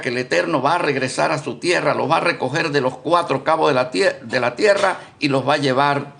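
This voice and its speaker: A man leads a Bible study with an unhurried, drawn-out delivery and a gravelly edge to his fairly high voice. He goes back over his points, corrects himself mid-sentence, and keeps stopping to ask if his listeners are following. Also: a bit bright. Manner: deliberate, repetitive, often asks "¿Vio?"; self-correcting, thinks aloud. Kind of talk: live-streamed Bible study talk.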